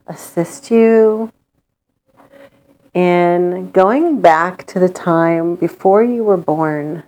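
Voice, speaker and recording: A woman leading a guided meditation in a calm, gentle, soothing manner with long pauses. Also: on the low side.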